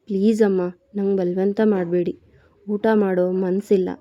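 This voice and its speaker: A woman's voice: mid-range voice, little pitch movement, moderate pace, no echo, lightly acted. Ruthu, a woman voicing a tearful young woman. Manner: soft, choked pleading.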